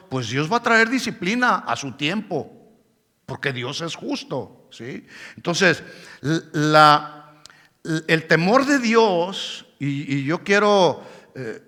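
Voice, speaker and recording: A man's voice: high voice, sharp tone. A male pastor preaching a sermon with emphasis, often checking in with the congregation. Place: church hall. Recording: long church hall reverb.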